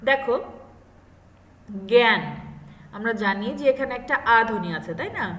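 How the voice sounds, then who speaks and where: A woman's voice: a little high, expressive, fast, bright, forceful tone. Woman teacher in an echoey room. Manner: explains step by step, asks the students questions. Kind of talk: classroom grammar lesson. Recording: echoey room with long reverb.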